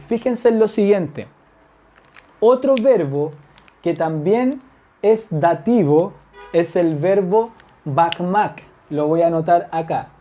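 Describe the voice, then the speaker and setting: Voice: mid-range voice, dark tone. A Turkish language teacher, giving a whiteboard grammar lesson, patient, repeating example phrases and checking understanding with tag questions.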